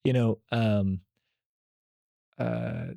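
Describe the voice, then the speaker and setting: A man's voice: mid-range voice, fairly even intonation, drawn-out words, creaky, dark tone, no echo. A man co-hosting a faith-based family podcast, explaining his points steadily and listing them one by one. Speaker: podcast co-host.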